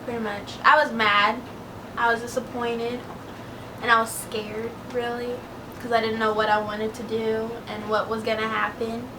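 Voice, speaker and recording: A woman's voice: a little high, normal speed. A twenty-year-old woman co-hosting a casual Q&A vlog, easygoing and saying "um" often. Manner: easygoing, frequent ums. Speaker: vlog co-host. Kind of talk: casual Q&A chat. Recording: distant mic with steady background noise.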